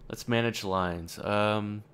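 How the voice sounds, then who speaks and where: A man's voice: on the low side, fairly even intonation, slow, a bit bright, smooth. A man playing a game on camera and thinking aloud, casual and rambling, with dry sarcastic asides. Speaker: let's play gamer. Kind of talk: let's play game commentary.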